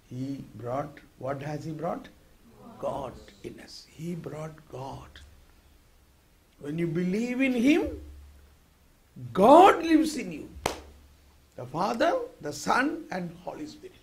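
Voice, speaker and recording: A male retreat preacher with a fairly high voice, speaking at an unhurried pace. He is emphatic, dropping to soft asides and then rising to loud exclamations. He calls on his listeners to repeat phrases back to him. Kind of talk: sermon.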